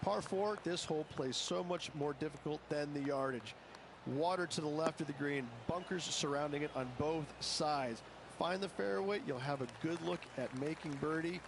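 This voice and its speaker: Speaking at a fairly high pitch and normal speed, a man voices a golf commentator in a game, emphatically describing the play and underlining how hard it is. The backdrop is clear outdoor ambient noise.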